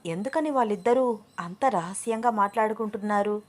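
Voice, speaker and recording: A woman voicing a gentle, earnest young man in an audio story. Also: medium pitch, fairly quick, natural voice. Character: kind, puzzled young man, Abhiram.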